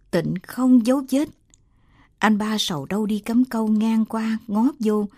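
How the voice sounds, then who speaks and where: A woman calmly reading a late-night radio story in a measured, lyrical way. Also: mid-range voice, dry recording, studio quality.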